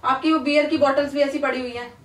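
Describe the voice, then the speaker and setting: गुस्से में डांटती ऊँची आवाज़ वाली महिला. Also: female voice, high-pitched, fairly even intonation, fast talker, a little hiss or hum. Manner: scolding, repeating "ठीक है?". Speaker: prank video creator. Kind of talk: scolding argument in a prank. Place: home bedroom. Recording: echoey room, far from mic, music behind.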